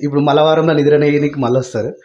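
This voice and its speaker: A woman's voice: sits low, steady tone, very fast, darkish tone. A woman chatting with relatives in a casual family vlog, teasing and asking questions. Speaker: vlogger. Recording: slightly dull lo-fi sound.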